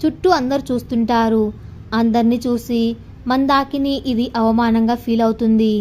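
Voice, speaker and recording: A woman narrating a scripted story in a steady, descriptive way. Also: a little high, normal speed, slight background noise.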